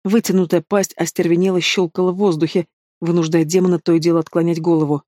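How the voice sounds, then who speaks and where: A reader narrating dark urban fantasy in a steady, measured storytelling voice. The recording is dry and close, with no room sound. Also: medium pitch, no room sound. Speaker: audiobook reader.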